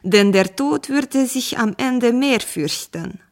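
A woman voicing a calm, sympathetic male painter who gives patient advice in a gentle, lowered voice. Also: slow pace. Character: calm pitying town painter, man, wise.

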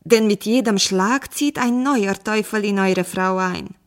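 A woman voicing a calm, sympathetic male painter who gives patient advice in a gentle, lowered voice. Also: a little slow, lightly acted. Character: calm pitying town painter, man, wise.

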